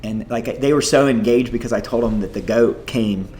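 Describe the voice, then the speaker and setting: A man recounting his missionary experiences in a casual, animated interview. He talks in a chatty storytelling way, stringing his thoughts together with "like" and "you know". His voice sits at an ordinary middle pitch, with a faint hiss underneath. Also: normal speed. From United States. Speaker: missionary guest.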